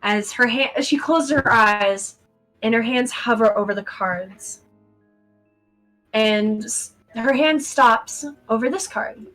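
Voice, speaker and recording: A woman's voice: on the high side, slow, fairly bright tone, soft background music, low-quality recording. A woman acting as game master, narrating a tabletop role-playing scene and adding casual asides.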